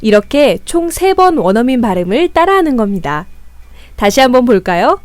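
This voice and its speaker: Brief: upbeat, slightly high-voiced woman narrator for a student tutorial, faint music underneath. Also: big pitch swings, normal speed, a little mellow, dry recording. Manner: friendly, encouraging, addresses viewers as students. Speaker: lesson guide. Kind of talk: scripted instructional narration.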